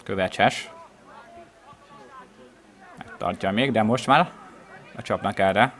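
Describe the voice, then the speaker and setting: Male football commentator, lowish voice, measured play-by-play that lifts at chances, recorded outdoors at the ground. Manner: measured, rising excitedly at chances. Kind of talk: live match commentary of amateur regional football.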